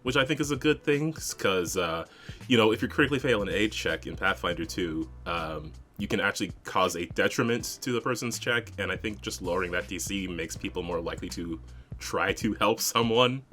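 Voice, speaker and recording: Soft music plays behind a man whose deep, somewhat bright voice moves at a brisk pace. As podcast co-host and game master, he rambles casually about running tabletop games, with many fillers and lots of laughs.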